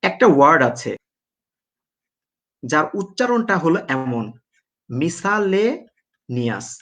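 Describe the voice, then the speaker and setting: A man with a Bangladeshi accent teaching an exam-prep English lesson, asking questions and then answering them himself, and spelling words out slowly syllable by syllable. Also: a little high, big pitch swings, a bit bright.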